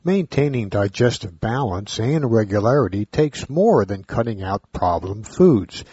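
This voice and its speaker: A man reads a radio commercial with a husky, mellow voice that rises and falls in lively swoops. The sound is dry and dull, as if taped off the radio, with its top end gone. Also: unhurried, no echo. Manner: smooth sales pitch delivery. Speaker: commercial announcer. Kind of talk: scripted radio ad read.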